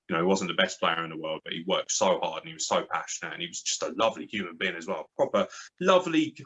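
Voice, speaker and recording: A man's voice: low voice, pushed and bright, poor audio. A man telling football stories in a blunt, sweary, passionate way, as an interview guest. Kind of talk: casual storytelling interview.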